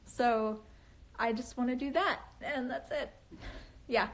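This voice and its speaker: On a casual livestream from home, a young author chats with fans and reads their comments into a phone mic. Her voice is fairly high and slow, and she sounds nervous and valley-girl, full of fillers and restarts.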